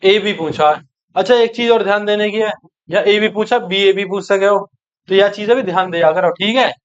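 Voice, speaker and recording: Guy with a high voice running a maths class, brisk, keeps asking if u got it, dull lo-fi sound. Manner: brisk, coaxing, keeps checking in with students. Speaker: maths teacher. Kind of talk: exam-prep maths lesson.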